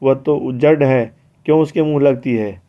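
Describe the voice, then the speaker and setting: A man's voice: medium pitch, moderate pace, lightly acted. A man voicing a preachy village elder who reproves and moralizes, read in a dull lo-fi audiobook recording. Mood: reproving.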